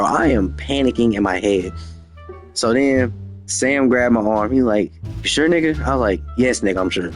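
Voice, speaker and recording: A young man telling a story from his own life, with lots of slang and profanity, acting out the dialogue himself. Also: medium pitch. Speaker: storyteller, channel host. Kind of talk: casual storytime monologue.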